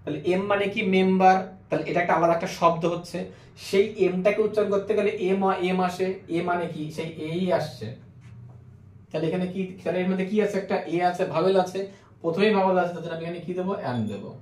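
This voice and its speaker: Man, grammar teacher, high pitch, roomy echo, slow repeated spelling of words, questions to the class. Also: fairly even intonation, a little mellow. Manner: asks the class questions and answers them himself.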